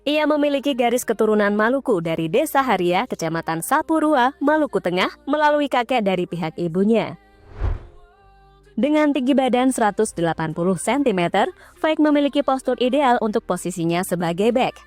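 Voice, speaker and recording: A woman's voice: fairly high pitch, lively intonation, a little fast, no room sound. A woman narrating football news in a scripted read, dropping in casual slang asides. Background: faint background music.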